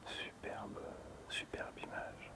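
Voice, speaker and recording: Presenting collectibles as an ASMR host, a man whispers breathily and slowly, lingering on words and softly repeating them.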